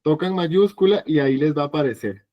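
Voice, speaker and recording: A man teaching an evening language class, patient and explanatory, slowly repeating sounds for his students. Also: on the high side, animated, lo-fi sound. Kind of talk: online class lesson.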